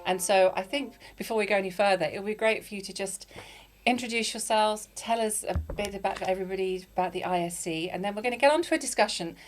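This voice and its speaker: A woman hosts a conversational interview podcast, talking fast in a mid-range voice and warmly encouraging her guest with frequent affirming "yeah"s. The recording is rough, with a little hiss or hum.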